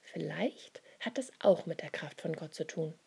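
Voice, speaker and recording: Magdalena is a patient grown woman who calmly explains things in a children's storybook, as a woman reads her. The voice is breathy and husky with a dark, mellow tone. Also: low voice, measured pace, whispered, exaggerated voice. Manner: calm, explaining.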